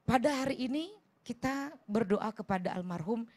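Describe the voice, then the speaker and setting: A woman preacher speaks in a gentle, consoling sermon style, her voice sitting a little high. She talks in a TV studio. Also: lively intonation, normal speed. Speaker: Islamic preacher (ustazah).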